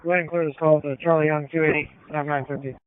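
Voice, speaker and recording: A man in a police and fire radio exchange, speaking in halting, improvised phrases. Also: a little high, little pitch movement, clear, resonant tone, no echo. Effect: police radio transmission. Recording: phone-like narrowband scanner audio.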